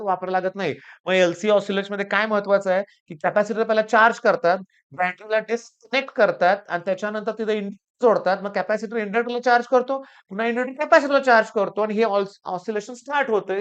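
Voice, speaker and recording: A man with a Marathi accent teaching physics for an exam, hoarse from a sore throat, coaxing his students and repeating the key points. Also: high voice, fairly quick, highs cut off. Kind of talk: exam-prep lecture.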